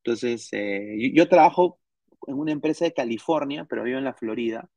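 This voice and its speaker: A man's voice: mid-range voice, a little fast, a little mellow, no room sound, highs cut off. A man in his thirties with a Peruvian accent, chatting casually on a podcast stream, rambling with many restarts and slang. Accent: Peruvian Spanish. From Peru. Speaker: podcast host. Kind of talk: casual live-stream chat.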